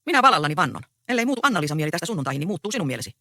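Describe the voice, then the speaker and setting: Brief: a reader doing a sly, taunting troublemaker in a read-aloud play, sharp and lively. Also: medium pitch, no echo, studio quality, full character voice. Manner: mocking, taunting. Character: taunting grown peasant man, sly troublemaker.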